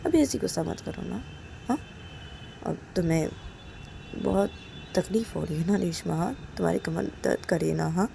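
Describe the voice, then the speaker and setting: Here a woman with a low, warm, creaky voice talks at normal speed with long pauses, portraying a caring young woman who repeatedly begs and sweet-talks her partner, over and over saying "please." Faint background noise is audible.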